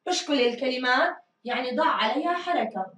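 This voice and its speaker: A woman teacher giving a grammar lesson, drilling answers and stretching words slowly. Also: high voice, animated, fairly bright tone, distant mic. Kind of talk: recorded classroom grammar lesson. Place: school studio room. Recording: echoey room, mic set back.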